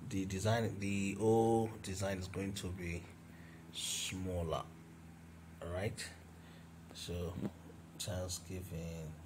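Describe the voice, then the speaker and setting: A man with a deep, low voice narrates a screen-recorded design lesson, unhurried, talking through each step as he goes with fillers and restarts. He's a design tutor in a software tutorial, and background noise is clearly audible under his voice.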